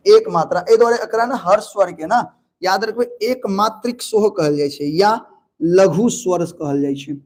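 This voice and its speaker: A man with a Maithili accent teaching grammar for an exam, drilling students with quick questions and answering them himself. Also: high-pitched. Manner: lively, calls students pet names. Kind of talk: online exam-prep grammar lesson.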